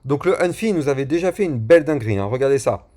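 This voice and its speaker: A man's voice: medium pitch, animated, fast talker, darkish tone. A chatty man talks viewers through crypto charts in an easy, informal way. His speech is full of fillers and street slang, with restarts while he hunts for a word. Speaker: crypto YouTuber. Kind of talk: chart analysis and channel promotion.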